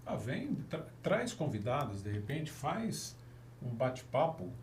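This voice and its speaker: A man chatting in an easygoing, jokey way, often chiming in with quick agreement. His pitch moves a lot. He sits back from the microphone in an echoey room with faint noise behind. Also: sing-song, darkish tone, far from the mic. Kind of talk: casual podcast chat. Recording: echoey room, further from the mic.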